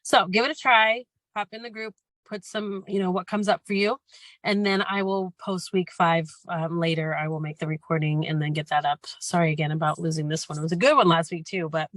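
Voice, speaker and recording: A life coach leads a gratitude workshop in a bright, forceful voice with a hoarse edge from losing it. The talk rambles earnestly and encourages the listener along. The recording is dry and close, with no room sound. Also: medium pitch, steady tone, brisk, no echo. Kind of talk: casual spoken workshop lesson.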